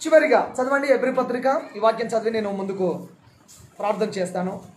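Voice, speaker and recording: A man with a strikingly high voice delivers a sermon as pastor, reading scripture aloud and driving his points home by repeating them. He asks his congregation direct questions as he goes. The recording is roomy and echoey, with a faint hum of room noise behind him. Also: brisk. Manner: repeats key phrases for emphasis. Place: church hall.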